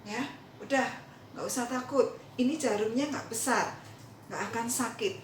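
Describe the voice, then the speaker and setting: A woman voicing a kind adult doctor who gently questions and reassures a child, in a roomy echo from a distance. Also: on the high side, normal speed, a little hiss or hum, natural voice. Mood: puzzled coaxing.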